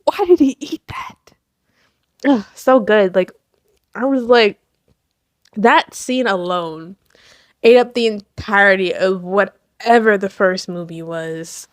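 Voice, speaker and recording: A woman giving casual, gushing movie commentary, excitable and full of slang, laughing often. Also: mid-range voice, slow pace, dry recording, studio quality. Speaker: commentary host.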